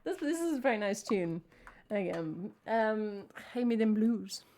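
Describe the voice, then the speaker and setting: An English singer-songwriter from England chats casually between songs on her live stream, self-mocking and prone to soft, trailing asides. Her mid-range voice has lively intonation and an unhurried pace, with a little hiss or hum.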